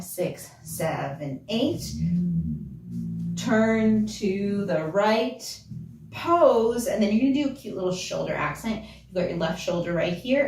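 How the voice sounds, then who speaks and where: A woman's voice: lowish voice, a little mellow, slight background noise. A woman teaching a belly dance class, counting steps aloud as she dances. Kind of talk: dance tutorial instruction. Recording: roomy, from a distance, with music.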